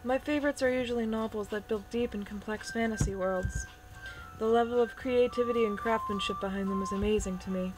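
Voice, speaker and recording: A shy, gentle young bookworm who speaks softly and hesitantly, read by a woman from a visual novel. Her voice stays mild and unhurried. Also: on the high side, music in the background, lightly acted, low-quality recording. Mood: thoughtful. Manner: soft and hesitant. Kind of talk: reading a visual novel aloud.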